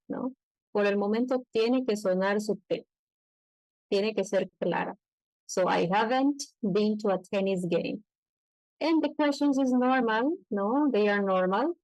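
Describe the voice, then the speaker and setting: A woman's voice: mid-range voice, a little mellow, no echo, poor audio. Bolivian woman teaching English pronunciation. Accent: Bolivian Spanish. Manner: explains patiently, slows down to model English phrases. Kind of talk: online English pronunciation lesson.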